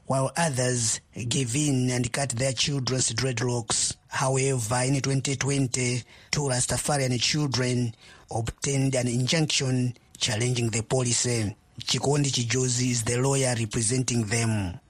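Man, Malawian accent, raspy husky tone, dry sound, scripted correspondent report. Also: mid-range voice, steady tone, unhurried, no room sound. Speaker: news correspondent. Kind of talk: scripted news report narration.

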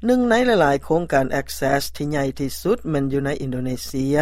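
A man's voice: mid-range voice, animated, a little fast, a little mellow, no room sound, studio quality. A man with a Lao accent reading a scripted news report as its narrator.

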